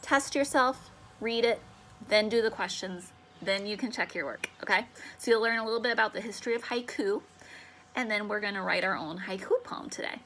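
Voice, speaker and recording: A young woman teaching a remote lesson to children, upbeat and encouraging, slowing down to sound out syllables. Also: medium pitch, a bit bright, slight background noise. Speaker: elementary school teacher.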